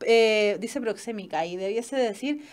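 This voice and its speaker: Chilean woman, young adult teacher, slightly high voice, patient explainer who keeps asking "¿cierto?". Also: a little slow. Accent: Chilean Spanish. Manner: explanatory, frequent "¿cierto?" checks. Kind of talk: online class lecture.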